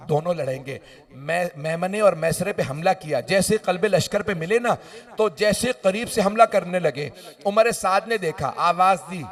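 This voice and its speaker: A man's voice: sits high, distant mic. A man with a Pakistani Urdu accent, giving an emotional, wailing sermon of mourning to a gathered congregation. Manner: emotional, wailing recitation of grief, addressing the mourners. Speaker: preacher. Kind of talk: mournful majlis sermon narration. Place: large mourning hall with congregation.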